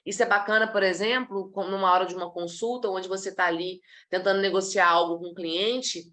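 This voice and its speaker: Woman from Brazil, body language speaker, lively and demonstrative, acts out examples, live online talk, mid-pitched voice. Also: brisk.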